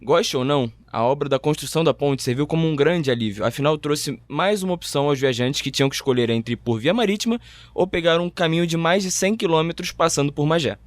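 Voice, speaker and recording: A Brazilian man giving brisk, clear scripted narration for a podcast. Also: fairly high pitch, dry recording.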